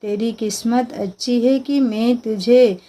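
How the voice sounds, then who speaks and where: A woman's voice: fairly high pitch, fairly even intonation, slow pace, warm tone. A woman voicing a lecherous, menacing fake holy man in a storybook reading. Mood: leering. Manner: menacing, leering.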